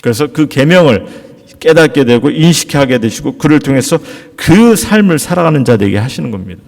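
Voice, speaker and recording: A middle-aged male pastor delivers a sermon in a lively, rising-and-falling voice with a gravelly edge. He talks earnestly and poses rhetorical questions to the congregation, and his voice trails off into a long reverb of a church hall. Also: medium pitch, brisk. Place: church sanctuary.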